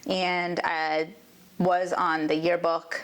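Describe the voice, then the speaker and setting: A woman's voice: on the low side, little pitch movement, slow. Friendly, laughing woman judge. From Maryland, USA. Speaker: judge, interview guest. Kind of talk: casual interview conversation.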